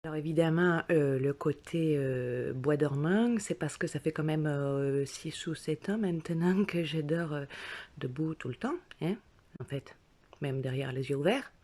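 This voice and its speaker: A woman's voice: deep voice, a little slow. French woman telling a comic story from bed. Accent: put-on mixed southern French. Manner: animated storytelling, acts out panic with cries and whispers. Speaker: comedian. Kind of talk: sit-down comedy monologue. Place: in bed, indoors.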